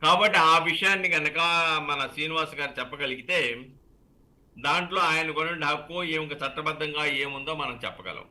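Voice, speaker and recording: A man, a lawyer giving measured legal explanations on a call-in show. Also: fairly high pitch, bright, forceful tone.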